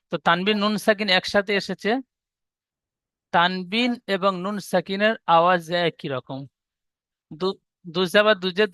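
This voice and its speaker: A man's voice: high-pitched, sharp tone, smooth, no echo. A man teaching an online Quran reading class, patiently explaining rules step by step.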